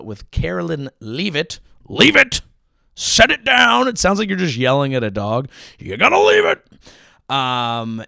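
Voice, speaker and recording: Animated gravelly-voiced male comedian host. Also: mid-range voice, no room sound, studio quality. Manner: profane, sarcastic riffing with sudden yelled outbursts. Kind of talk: comedic political commentary monologue.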